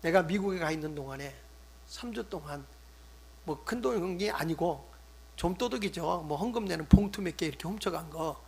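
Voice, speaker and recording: An older man, a pastor, preaching a sermon, swinging between loud emphatic stresses and hushed asides. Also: fairly high pitch, expressive, moderate pace, gravelly, husky. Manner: acts out scolding quotes in conversational tone.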